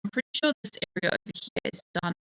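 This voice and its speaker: Bright-voiced sleepy woman streaming a game. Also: fast, no room sound, faint music behind, poor audio. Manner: rambling, thinks aloud, swears casually. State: sleepy, yawning. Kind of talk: live-streamed gameplay commentary. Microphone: desk microphone.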